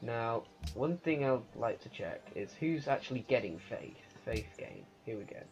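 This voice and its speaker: Halting male game commentator, muffled over music. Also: medium pitch, animated. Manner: halting, thinking aloud. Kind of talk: unscripted strategy game commentary.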